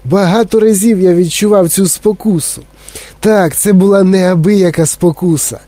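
A man's voice: sits high, fairly even intonation, moderate pace, dark tone, no room sound, pitched above the performer's own voice, close to an everyday voice. A man voicing an eccentric, giddy factory owner who gushes and exclaims breathlessly in an audiobook reading. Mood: excited.

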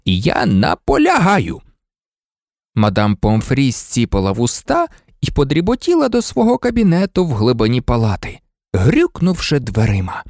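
An audiobook narrator reading a story in an expressive, lively manner. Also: medium pitch, moderate pace, no room sound, studio quality. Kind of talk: scripted narration.

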